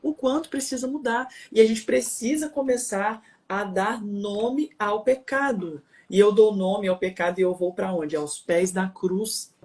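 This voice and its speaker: A woman's voice: medium pitch, unhurried, hardly any pauses, a little mellow. Emphatic preachy Brazilian woman. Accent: Brazilian Portuguese. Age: adult, married. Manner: preachy, emphatic, fires rhetorical questions. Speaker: co-host.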